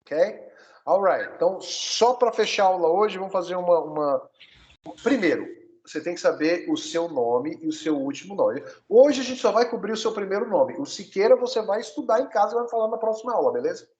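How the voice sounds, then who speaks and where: A man from Brazil teaching a one-on-one English lesson, coaching his student and spelling words out slowly. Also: high voice, expressive, darkish tone, dull audio.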